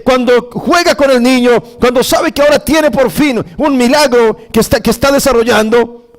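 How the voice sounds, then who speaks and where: A man with a very high voice for a man, preaching as a pastor. He retells a scripture story in a dramatic way, with exclamations and frequent stumbling restarts. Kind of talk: storytelling sermon.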